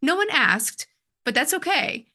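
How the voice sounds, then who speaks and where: A woman's voice: high voice, big pitch swings, measured pace, sharp tone. A woman hosting a chatty podcast and moderating a panel.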